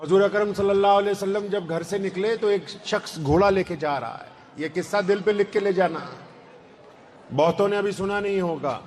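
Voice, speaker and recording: A man's voice: sits high, slight background noise. A man with a Punjabi accent preaching a sermon at a shrine, telling a story with fervent, rising emphasis. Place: large shrine courtyard. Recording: long hall reverb, faint ambience.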